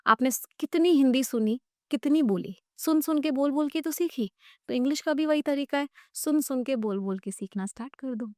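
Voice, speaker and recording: Higher-voiced woman teaching with dry sound. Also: normal speed, no room sound. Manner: explains step by step, spells words out letter by letter. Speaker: English teacher. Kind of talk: podcast interview, teaching tips.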